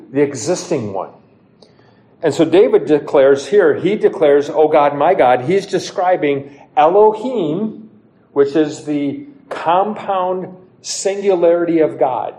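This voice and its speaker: Pastor, man, slightly high and mellow voice, evening sermon full of rhetorical questions, echoey hall. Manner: preaching with rhetorical questions and scripture quotes.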